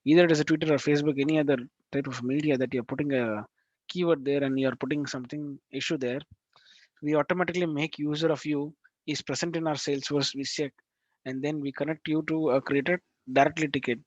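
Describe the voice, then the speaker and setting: A man teaching a live online class over a video call, talking in halting bursts with restarts and frequent check-ins with his students. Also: on the high side, fairly even intonation, dry recording. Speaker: instructor. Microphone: video call microphone. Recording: dull lo-fi call audio.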